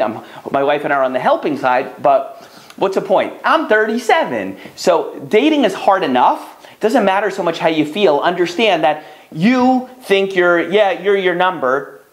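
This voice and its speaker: Animated man in his thirties giving advice. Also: on the high side. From United States. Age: 30s. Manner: animated, conversational, acts out callers' lines. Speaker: rabbi and matchmaker. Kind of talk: direct-to-camera advice talk.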